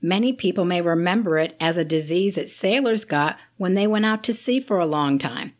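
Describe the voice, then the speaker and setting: Lady doctor giving home health tips, kinda low voice, explains stuff plain with little jokes. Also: moderate pace. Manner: explanatory, lightly joking. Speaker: physician host. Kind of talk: health advice talk to camera.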